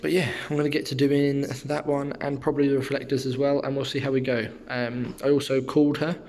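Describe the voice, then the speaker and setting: A man's voice: medium pitch, brisk. A young man talking casually to the camera in a car vlog, rambling with fillers and losing his voice. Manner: chatty, relaxed, rambling with fillers. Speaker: car detailing vlogger.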